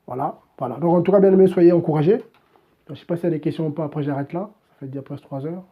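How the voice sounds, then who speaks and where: A man's voice: fairly high pitch, very fast, husky, phone-quality sound. A man preaching live on a stream and answering chat questions in a direct, exhorting, repetitive way. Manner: exhorting, repetitive, keeps saying "voilà".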